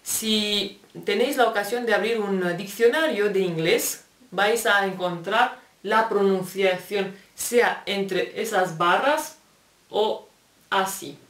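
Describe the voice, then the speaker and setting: Slow, patient Spanish woman teacher, echoey. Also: medium pitch, far from the mic. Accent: Spain Spanish. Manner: patient, spells out letters and repeats examples. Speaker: English teacher. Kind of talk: explaining grammar to Spanish-speaking learners. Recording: echoey room, voice set back from the mic.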